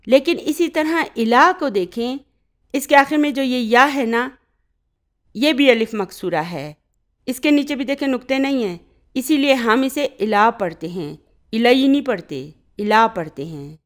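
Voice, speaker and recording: A woman teaching Arabic grammar in Urdu. She explains step by step and often checks that the listener has followed. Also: on the high side. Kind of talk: grammar lesson.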